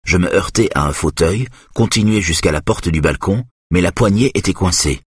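A man narrating a tense first-person story in a measured way. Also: deep voice, lively intonation, husky, no room sound, studio quality.

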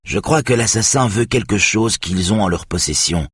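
A man's voice: on the low side, animated, moderate pace, breathy edge, no echo, studio quality. A man voicing a stubborn, intense male detective who speaks curtly and insistently in an audiobook. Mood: urgent. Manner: curt and insistent.

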